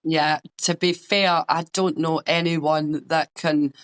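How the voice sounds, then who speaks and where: A man's voice: a little high, little pitch movement, slow pace, fairly bright tone, smooth. A man interviewing a fighter in a casual chat, agreeing often and asking open questions. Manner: agreeable, frequent "yeah", "a hundred percent".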